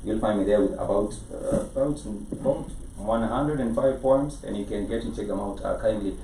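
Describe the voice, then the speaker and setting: A man's voice: on the low side, brisk. A man with a Kenyan accent hosting a conversational entertainment interview, wordy and repeating phrases for emphasis. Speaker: talk show host. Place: studio. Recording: echoey room, distant mic, background noise.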